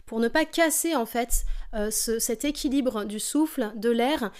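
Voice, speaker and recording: A woman teaching a singing lesson, explaining vocal technique calmly and demonstrating exercises. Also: on the high side, measured pace.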